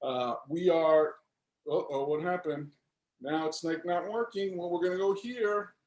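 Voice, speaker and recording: A man's voice: a little high, a little slow, a little mellow. Upbeat Northeastern man, echoey call. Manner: chatty, upbeat, filler-heavy. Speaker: sales director presenting. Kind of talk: webinar presentation.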